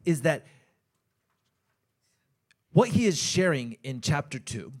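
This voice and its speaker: A man preaching a sermon in short phrases, pausing for an interpreter to translate, and praying softly. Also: fairly high pitch, sing-song. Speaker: pastor.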